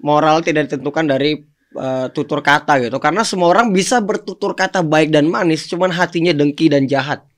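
A man's voice: on the high side, fairly quick, a bit bright. A man, arguing his point in a casual podcast chat and often calling his partner "Om". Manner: argumentative, keeps addressing partner as "Om".

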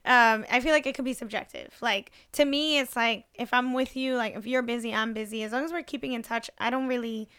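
A woman's voice: fairly high pitch, brisk, hardly any pauses, clean tone, dry recording, clean studio sound. A young woman in casual podcast chat, talking freely with lots of fillers. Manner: chatty, many fillers, animated.

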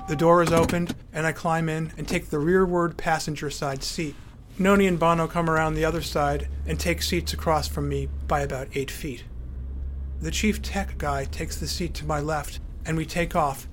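A man's voice: on the high side, slight background noise. A man narrating his memoir in a wry, dryly humorous way.

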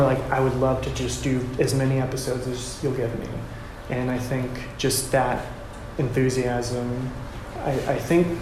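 Man on a low quality live stream, echoey and noisy. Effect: low quality live stream audio. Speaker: guest TV director. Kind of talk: live panel interview answer. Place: live show stage before an audience.

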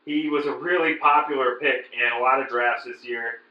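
A man with a mid-pitched voice gives casual sports analysis as a podcast co-host. His audio is dull and lo-fi, like a degraded stream, with clear room echo around the voice. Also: fairly even intonation, moderate pace. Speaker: fantasy basketball podcast co-host.

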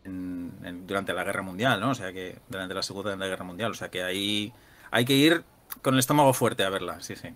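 A man's voice: low voice, brisk, fairly bright tone. A man, co-hosting a film chat with dry jokes and thoughtful asides. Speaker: podcast co-host. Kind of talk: casual chat about films.

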